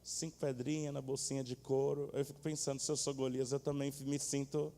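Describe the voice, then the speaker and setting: Pastor em culto: animado, próximo da congregação, ambiente de igreja com eco longo. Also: male voice, medium pitch, a little fast. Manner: animated, colloquial, addresses congregation directly. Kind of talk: sermon. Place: church stage. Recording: echoey church hall.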